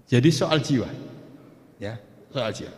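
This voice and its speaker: Slow-speaking man in his sixties, hall reverb. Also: mid-range voice, lively intonation, a little mellow. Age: 60s. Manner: slow, measured, with frequent "ya" and "nah". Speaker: Islamic scholar. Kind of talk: religious lecture.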